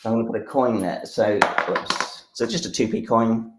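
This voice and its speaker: A man's voice: on the low side, normal speed, echoey room, heavy background noise. An English man explaining a science demonstration during a live stream. He talks with enthusiasm, rambles, and uses a lot of fillers. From England. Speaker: science educator.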